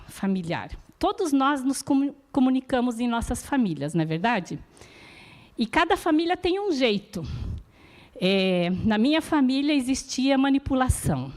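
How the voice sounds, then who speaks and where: Her voice is fairly high with a somewhat dark tone. Speaking Portuguese as a non-native, she delivers a heartfelt, supportive church lesson on support groups, frequently pausing to check on her audience.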